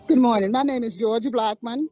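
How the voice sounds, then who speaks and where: A woman's voice: a little high, fairly quick, warm tone, soft background music. A woman in her eighties from Florida, speaking earnestly to a street camera as a community elder and repeating her points. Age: 80s. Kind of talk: street interview statement. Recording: dull lo-fi sound.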